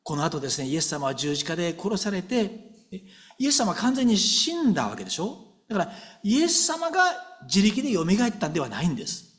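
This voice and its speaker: A male pastor preaching in a high, very lively voice that swoops up and down. He talks warmly and conversationally to his congregation, often checking in with them. He acts out heartfelt prayers as he goes. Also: fairly quick. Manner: conversational preaching with frequent tag questions to the congregation; animated and expressive, acting out prayers aloud. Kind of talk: sermon.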